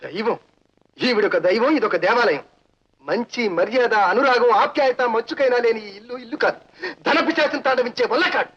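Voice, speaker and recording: An indignant son-in-law who rails in a very high voice. He speaks fast, in a declamatory way, as in film melodrama. The sound is a dull old movie track with soft music underneath. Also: husky, heavily acted. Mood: declaiming. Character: proud angry son-in-law.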